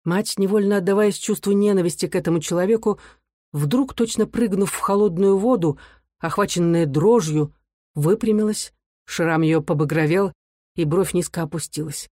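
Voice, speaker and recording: An audiobook reader narrating a classic novel in a measured, expressive way. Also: medium pitch, dry recording, studio quality. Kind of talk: literary narration.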